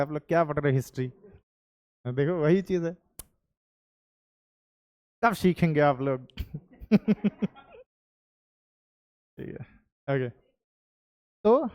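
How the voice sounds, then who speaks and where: A young adult man with an Indian accent and a slightly high voice teaches a history class, joking around, asking students questions, and switching between Hindi and English. The recording is dry and lo-fi.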